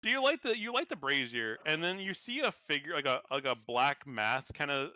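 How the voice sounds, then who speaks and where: A man's voice: on the high side, very animated, moderate pace, sharp tone, no echo. A man narrating as game master of a tabletop game, rambling with many fillers and restarts.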